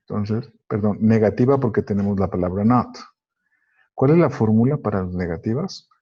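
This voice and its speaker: A man whose first language is Spanish, teaching an English grammar lesson, slowly working through each example step by step. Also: lowish voice, warm tone. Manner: slow, methodical, explains step by step. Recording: dull lo-fi recording.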